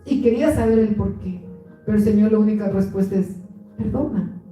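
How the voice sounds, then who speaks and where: A woman's voice: mid-range voice, fairly quick, mellow. A woman pastor giving an earnest sermon. She often restarts words and acts out the voices she quotes. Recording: echoey church room, mic at a distance, faint music.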